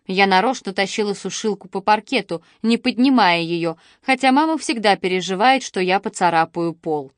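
A woman narrating a first-person novel in a steady, expressive storytelling manner on a close studio microphone. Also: mid-range voice, normal speed, few pauses, dry recording. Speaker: audiobook narrator.

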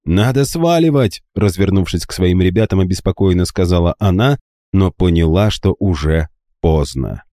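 A man narrating a fantasy audiobook in an expressive storytelling manner, in both third and first person. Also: low-pitched, normal speed, no room sound, studio quality.

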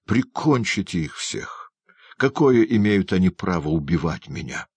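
A man voicing a raving, terrified old male prisoner, bursting out shrill and frantic. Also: big pitch swings, measured pace, darkish tone, slightly rough, no room sound, heavily acted. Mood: desperate. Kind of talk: audiobook character voice.

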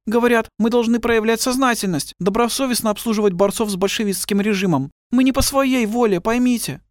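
Мужчина-чтец озвучивает полную молодую деревенскую женщину, которая горячо оправдывается. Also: male voice, high voice, no room sound, studio quality, pitched above the performer's own voice, natural voice. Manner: earnest, pleading. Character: plump young village woman, forced, pleading explanation.

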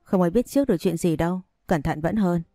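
A caring older sister from an audio story, blunt and practical, as a woman reads her. The voice is low and warm over faint music, recorded dry. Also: fast, dry recording, close to an everyday voice.

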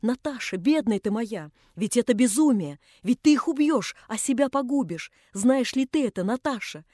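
A woman's voice: fairly high pitch, expressive, normal speed, warm tone, dry recording, studio quality. Woman reading as a young man pleading desperately. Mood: pleading urgently. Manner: urgent, pleading, insistent.

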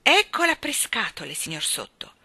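A woman voicing a plump, fussy older landlady who talks loudly in exclamations. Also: sits high, very animated, unhurried, no echo, voice pushed up, exaggerated voice. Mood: indignant. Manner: loud, exclamatory.

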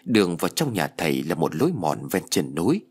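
Deep-voiced man telling a ghost story. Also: fairly quick, slightly rough. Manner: expressive, dramatic storytelling with lively pitch. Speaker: audiobook narrator. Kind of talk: first-person ghost story narration.

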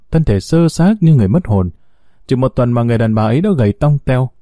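A man narrating a dramatic story in a steady, scripted way. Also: medium pitch, no echo, studio quality.

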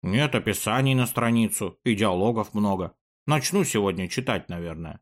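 A thoughtful young boy in a storybook reading, musing slowly and hesitantly, voiced by a man. The tone stays close to the reader's own. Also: on the low side, expressive, lightly acted.

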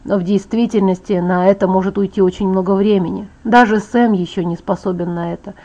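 A woman voicing a teenage werewolf boy in an audiobook, explaining things in a calm, wry tone. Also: mid-range voice, brisk, lightly acted. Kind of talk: audiobook character voice. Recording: dull lo-fi audiobook file.

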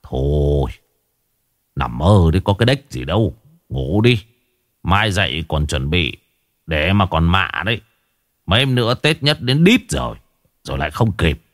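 A man voicing a gruff middle-aged village husband, who talks curtly and coarsely. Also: sits low, big pitch swings, moderate pace, pauses often, no room sound, studio quality, pitched below the performer's own voice. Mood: gruff, dismissive. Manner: curt, dismissive and coarse.

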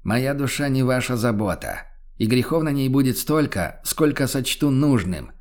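A man's voice: mid-range voice, expressive, normal speed, a little mellow, close to an everyday voice. A man voicing a cautious, commanding inquisitor in an audiobook, questioning firmly. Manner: cautious, firm interrogation. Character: guarded, commanding male inquisitor.

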